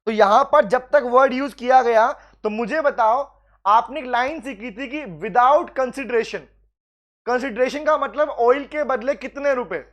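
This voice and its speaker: A high-voiced man teaching law in a live online class. He mixes in English legal terms and keeps pressing students to reply fast. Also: a bit bright, highs cut off. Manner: calls out students by name, urges quick replies. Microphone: video call.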